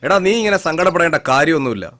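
An actor playing a steady friend who speaks in a calm, consoling way. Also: male voice, on the high side, rapid-fire, over loud music, lightly acted. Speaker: friend in a film. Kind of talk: film dialogue.

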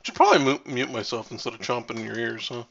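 A man chats over a dull, lo-fi voice line, his tone bright and forceful. He comments on his own stream in a wry, muttering way, as if half talking to himself. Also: mid-range voice, lively intonation, quick pace, gravelly. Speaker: tournament player streaming his games. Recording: dull lo-fi voice chat.

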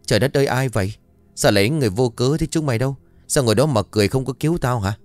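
A man voicing a brash young man who bluffs and panics, yelping high and fast in a storytelling reading. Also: lively intonation, darkish tone, no room sound, faint music behind. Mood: panicked.

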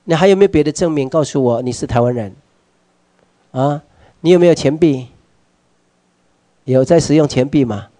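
A somewhat high, mellow male voice with a Taiwanese accent, lecturing a workshop audience in a meeting hall. He fires questions at listeners and drops in Hokkien phrases. His delivery swings from hushed asides to loud urging, recorded close and dry. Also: moderate pace, long pauses.

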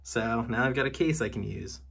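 The recording is very noisy as a young man at home goes through the games he brought back, offering casual unboxing commentary with wry, jokey asides. A video game collector vlogger, he speaks at normal speed in a medium-pitched voice with vocal fry.

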